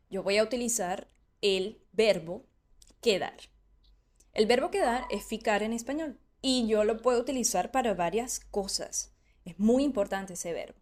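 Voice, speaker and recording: Animated woman teacher, high voice. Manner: animated, acts out learners' doubts with rhetorical questions. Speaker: Spanish teacher. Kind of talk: explanatory online lesson.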